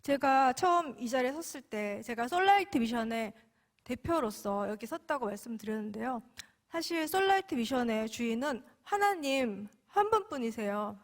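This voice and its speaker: A woman's voice: on the high side, animated, moderate pace. A woman giving a testimony sermon as a mission representative, telling her story expressively with sudden emphatic rises.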